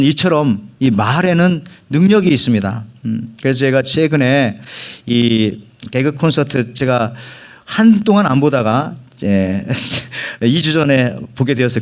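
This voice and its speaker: A male pastor preaching a sermon in a church, telling funny stories and talking directly to the congregation. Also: medium pitch. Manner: humorous storyteller, addresses the congregation directly. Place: church sanctuary.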